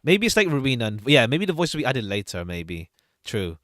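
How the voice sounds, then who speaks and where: A man's voice: medium pitch, sing-song, a little fast, fairly bright tone, dry recording, studio quality. A man giving casual livestream commentary as a streamer, chatty and hesitant as he thinks aloud. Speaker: streamer reacting to game trailers.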